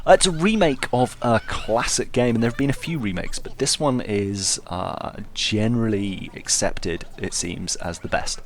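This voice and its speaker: A man's voice: lowish voice, normal speed, hardly any pauses, a little hiss or hum. A hungover man giving casual video game commentary, informal and stumbling over his words as he corrects himself. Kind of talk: casual let's-play commentary.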